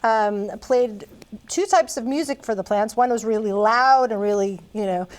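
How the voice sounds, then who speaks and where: A woman with a high voice hosts a casual talk show. She chats informally, circling back over her words and restarting phrases as she goes. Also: normal speed. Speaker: show host.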